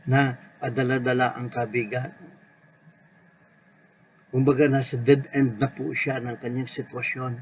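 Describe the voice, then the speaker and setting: A man preaching a sermon in an unhurried way, mixing Tagalog and English and repeating key words. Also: mid-range voice, a little hiss or hum, low-quality recording.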